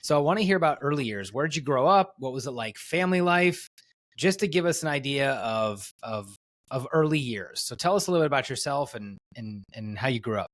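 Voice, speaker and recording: A man hosting a casual podcast interview in a middle-pitched voice. He talks with eager enthusiasm and often restarts his sentences as he rambles toward his questions. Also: animated, a little fast, fairly bright tone. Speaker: podcast host and coach.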